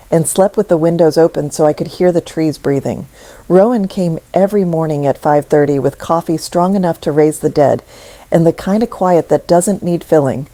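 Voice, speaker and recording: A woman narrating a scripted story in a slow, measured, softly emotional way. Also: lowish voice, dry recording, low-quality recording.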